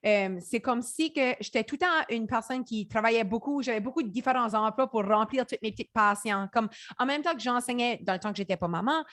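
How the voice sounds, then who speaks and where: Fast-talking Acadian woman in her thirties. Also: on the high side, dry recording, studio quality. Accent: Acadian French. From Acadia, New Brunswick. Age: 30s. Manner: fast, animated, mixes in English words. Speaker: podcast guest, business founder. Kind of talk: casual interview chat.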